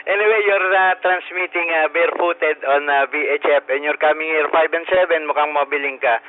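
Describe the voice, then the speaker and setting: Older Filipino man as radio net controller, slightly high voice, halting fillers, two-way radio transmission with a narrow band. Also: fairly even intonation. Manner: halting, frequent "ah" fillers, spells call signs phonetically. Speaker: net control operator of an amateur radio roll call. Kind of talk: radio net roll call in mixed Tagalog and English.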